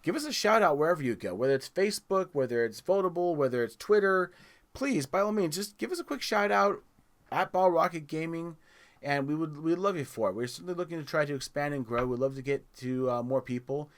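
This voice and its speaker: A man's voice: fairly high pitch, animated, quick pace. A man hosting a gaming community podcast, chatting casually, rambling and restarting his words as he plugs the show. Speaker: podcast host.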